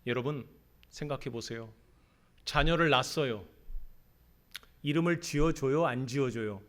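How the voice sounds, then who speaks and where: A man's voice: medium pitch, moderate pace, a bit bright. A male pastor preaching a sermon, telling the story dramatically and asking the congregation rhetorical questions.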